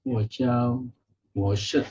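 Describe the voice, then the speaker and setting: A man taking part as a student in an online language lesson, repeating phrases back slowly. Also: medium pitch, fairly even intonation, darkish tone, slightly rough, dull audio.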